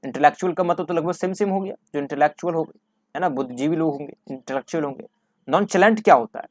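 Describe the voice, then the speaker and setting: A man's voice: on the high side, fast talker, no echo, studio quality. A male English teacher explains exam vocabulary, asking questions and answering them himself, repeating key words. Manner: repetitive, asks and answers his own questions.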